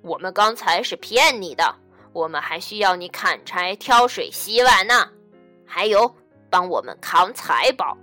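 A woman voicing a greedy, bullying male bandit chief and his bandits in a storybook reading, with loud, gruff shouting. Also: mid-range voice, lively intonation, a little slow, soft background music. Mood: gruff bossy.

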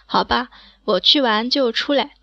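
A woman's voice: fairly high pitch, unhurried, gravelly, pushed and bright, no room sound, dull audio, full character voice. A woman doing a caring, touchy schoolgirl. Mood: friendly. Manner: plain, slightly peeved. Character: caring but easily annoyed schoolgirl friend.

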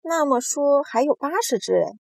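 A woman voicing a boastful, cheeky male giant centipede in a storybook reading, bragging and teasing loudly. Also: high voice, animated, moderate pace, creaky, dry recording, voice pushed up.

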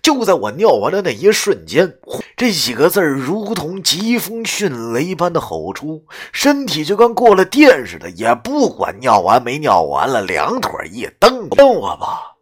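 A man telling a live horror-comedy story, dramatic and swinging between hushed and loud. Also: a little high, wildly swooping pitch, unhurried, hardly any pauses, breathy edge.

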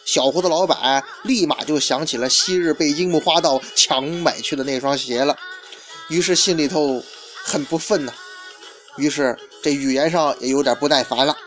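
A man's voice: fairly high pitch, moderate pace, fairly bright tone, soft background music. A man narrating a story in a chatty storytelling style, dragging out particles and asking rhetorical questions.

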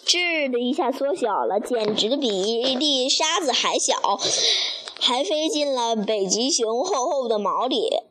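A woman reading a children's picture book aloud, haltingly, often stopping to restart and correct a word. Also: a little high, slight background noise. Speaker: storybook reader.

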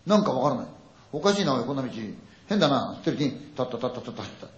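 Older male storyteller, rapid-fire, animated, acts out the voices of scared friends; roomy, muffled recording. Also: mid-range voice. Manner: acts out friends' panicked dialogue, sound words. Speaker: ghost story teller. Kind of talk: spoken ghost story performance. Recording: echoey dull audio.

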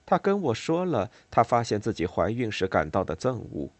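Low, expressive male audiobook narrator. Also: dry recording. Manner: measured reading with expressive, varied intonation. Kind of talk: scripted novel narration.

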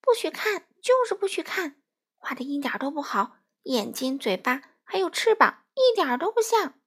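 A cross little storybook frog who shouts and sulks over his failures, played by a woman. The voice sits high and swoops widely, with a husky, breathy edge. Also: expressive, moderate pace, full character voice. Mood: angry, frustrated. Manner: shouty, sulky complaining. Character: frustrated young male frog, quick-tempered.

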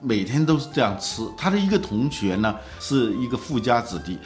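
A man hosting a talk, telling stories in a relaxed conversational way. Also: medium pitch, soft background music. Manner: lively storyteller, slows to recite classical lines. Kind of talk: conversational storytelling.

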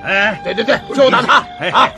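An actor playing a loud, greedy male court runner who bullies and shouts, in a TV drama. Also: high voice, moderate pace, full character voice. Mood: bullying. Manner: shouting, bullying, gleeful. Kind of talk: TV drama acting. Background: music.

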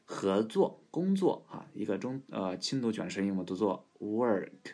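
A man hosting an English pronunciation lesson, showing how to say each word slowly and repeating it several times. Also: fairly low pitch, very animated, darkish tone. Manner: demonstrates words slowly and repeats them. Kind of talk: slow spoken language lesson.

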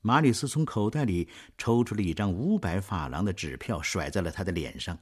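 A man narrating a story in a slow, expressive, dramatic reading. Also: sits low, husky.

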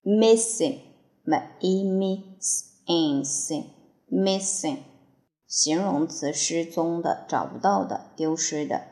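A woman's voice: fairly low pitch, animated, slow pace, warm tone. A woman teacher reading English vocabulary for dictation, spelling and repeating each word before giving its meanings.

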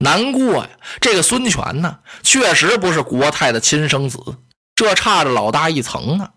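Animated male storyteller. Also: a little high, moderate pace, breathy edge. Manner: vivid, animated, rhythmic delivery. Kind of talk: traditional storytelling narration.

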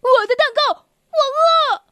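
A woman's voice: very high voice, lively intonation, a little slow, dry recording. A woman voicing a hungry, greedy male big bad wolf in a children's storybook reading, whiny and demanding. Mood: angry.

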